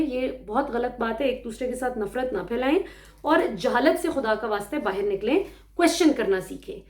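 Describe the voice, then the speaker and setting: A woman from Pakistan delivers political commentary straight to her viewers in a high, emphatic voice. She sounds indignant and often slips into English phrases. The room around her gives a noticeable echo. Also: a little mellow.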